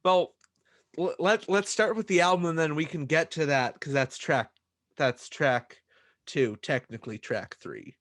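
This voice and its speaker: A young adult man co-hosting a casual music podcast, talking in a relaxed, conversational way and often stumbling at the start of his sentences. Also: on the high side, a little slow. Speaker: podcast co-host. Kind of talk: casual chat.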